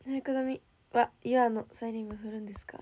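A young woman idol on a casual livestream, chatty and bubbly, reading out viewer comments and often dropping to a soft whisper. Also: on the high side, fairly even intonation, fast talker. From Japan. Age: young adult.

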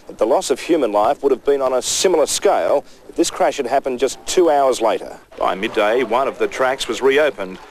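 Steady male news reporter. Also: mid-range voice, a little fast, few pauses. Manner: steady, even reporting delivery. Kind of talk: scripted news narration.

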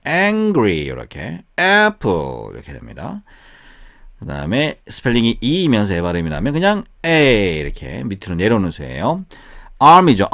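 A man's voice: on the low side, dry recording, clean studio sound. A middle-aged man teaching English pronunciation in a casual lesson, repeating words with exaggerated stress.

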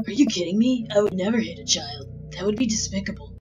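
A woman doing a gruff tough-guy dad. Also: mid-range voice, quick pace, music in the background, natural voice, rough recording. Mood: boastful. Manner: deadpan tough-guy bravado. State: strains her throat doing the voice. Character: gruff tough-talking middle-aged movie-loving dad. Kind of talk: Let's Play voice acting.

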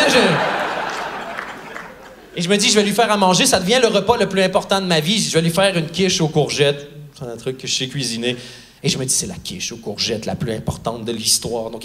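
Stand-up comic, male, high voice, storyteller who acts out each character. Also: fairly bright tone. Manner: storytelling, acting out the people he quotes. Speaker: stand-up comedian. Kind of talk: stand-up comedy set. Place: theatre stage before a live audience.

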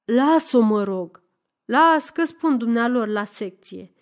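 A woman's voice: on the high side, expressive. A woman voicing a grave, self-important male police chief who talks in a confiding, pompous way in an audiobook story.

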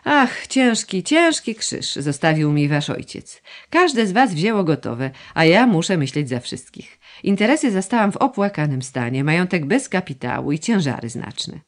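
A woman's voice: lowish voice, sing-song, moderate pace, hardly any pauses. A woman reading as a fussy, plaintive noble mother. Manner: gushing, complaining, coaxing. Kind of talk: audiobook dialogue reading.

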